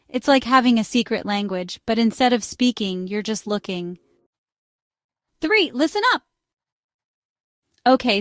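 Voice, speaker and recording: A woman's voice: a little high, no room sound, clean studio sound. A woman narrating scripted relationship advice, chatty and speaking straight to the listener. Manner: chatty, direct address to the listener.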